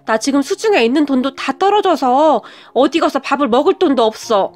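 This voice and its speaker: A destitute mother begs, her high voice slow and tearful, as a woman reads her part in a storybook narration. She sounds pleading and worn down. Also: lively intonation, a little mellow, soft background music. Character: destitute pleading middle-aged birth mother.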